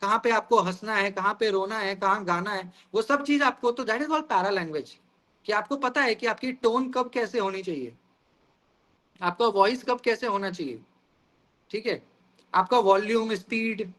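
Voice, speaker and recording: Bright, high-voiced male teacher. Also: normal speed. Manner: explains with everyday examples, often asks "guys". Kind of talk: classroom lecture.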